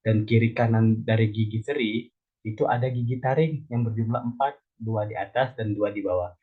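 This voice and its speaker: Husky young man teaching young children. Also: medium pitch, muffled recording. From Indonesia. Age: young adult. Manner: explains step by step, asks children questions. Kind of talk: elementary school biology lesson.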